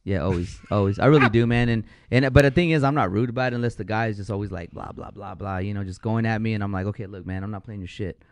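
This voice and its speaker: A man's voice: on the low side, fast talker, few pauses, a little hiss or hum. A man, a DJ guest on a podcast, talking in a laid-back, profane, rambling way. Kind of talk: casual interview chat.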